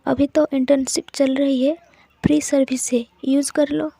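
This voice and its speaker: Gentle caring young woman intern, as a woman reads her, soft concerned tone, high voice, mellow. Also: level tone, moderate pace, gravelly, no echo.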